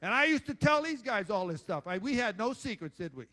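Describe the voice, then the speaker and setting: A man's voice: high-pitched, big pitch swings, brisk, bright, forceful tone. An older man, a former football coach, giving a rambling speech full of stories, blunt and salty, swearing and joking with the crowd.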